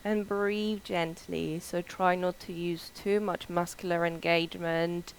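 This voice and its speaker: A woman leading a yoga class, gently guiding the breath in a slow and soothing way, with soft pauses. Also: lowish voice, fairly even intonation, slight background noise, rough recording. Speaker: yoga instructor. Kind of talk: guided breathing and meditation class.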